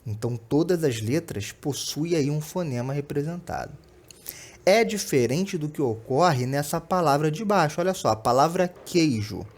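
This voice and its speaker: A young adult man with a Brazilian Portuguese accent who teaches an online lesson over slides and explains patiently, often checking in with quick tags like "tá?" and "né?". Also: a little high, expressive, darkish tone.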